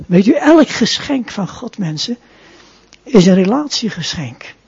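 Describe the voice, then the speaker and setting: An earnest male preacher delivers a sermon and then a prayer, often tacking short questions onto his sentences. His voice is very husky and dark. The recording sounds dull and muffled. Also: high voice, very animated, unhurried. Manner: earnest, often adds a soft tag question.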